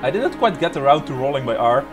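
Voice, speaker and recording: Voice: mid-range voice, big pitch swings, fast. A giggly gamer chatting casually over a game and putting on pirate talk, often breaking into laughter. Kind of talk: casual gaming chat with put-on pirate talk. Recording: music playing clearly under the voice.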